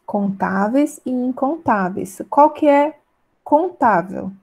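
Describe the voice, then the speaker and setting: Teacher, mellow voice, English examples. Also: female voice, high voice, lively intonation. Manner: explains in Portuguese, reads English examples slowly and clearly; keeps checking in with "né?" and "tá?". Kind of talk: online class lesson.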